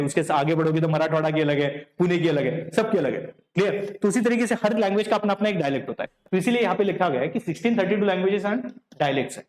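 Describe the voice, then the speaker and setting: High-voiced man teaching. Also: a little mellow, reverberant. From Vidarbha, Maharashtra. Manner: checks in with the class often, asking "correct?" and "clear?". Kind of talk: classroom lecture in Hindi mixed with English. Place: classroom.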